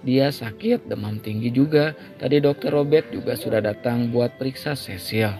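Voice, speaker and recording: A woman's voice: extremely low pitch, moderate pace. A man voicing a young pregnant wife who is sensitive, sulky and apologetic, speaking in his own near-normal voice. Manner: pleading, apologetic. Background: background music.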